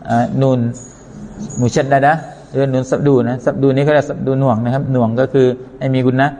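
A man's voice: medium pitch, flat delivery, brisk, warm tone, a little hiss or hum. A man teaching Quran recitation, chanting verses and then explaining pronunciation step by step in a careful lesson. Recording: long reverberant hall.

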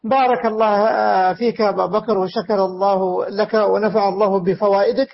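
A man teaching a book in an online religious lesson, speaking slowly with frequent pauses. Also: sits high, steady tone, gravelly, highs cut off. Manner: slow, measured, with frequent pauses.

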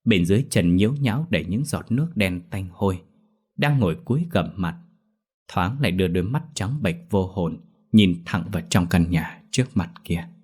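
A man telling a ghost story with steady, dramatic scripted narration. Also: low voice, moderate pace, breathy edge. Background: faint music.

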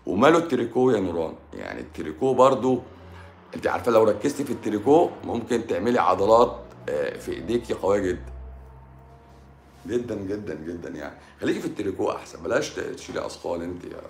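A man's voice: on the low side, big pitch swings, fast talker, roomy sound, slight background noise. A man with an Egyptian Arabic accent talking casually on a livestream as a doctor answering viewers, blunt and teasing, sometimes dropping to a mutter. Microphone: livestream microphone.

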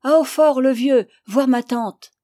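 A woman reader voicing a weary, naive sixteen-year-old peasant girl who talks in a high, loud, plaintive voice. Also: measured pace, no echo, studio quality. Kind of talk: audiobook character voice.

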